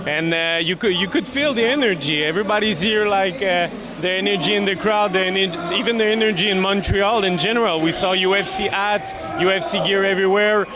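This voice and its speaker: High-voiced man with a Québécois French accent. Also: brisk, hardly any pauses. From Quebec, Canada. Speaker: MMA fighter being interviewed. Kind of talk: casual post-fight interview. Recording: clear urban ambient noise behind.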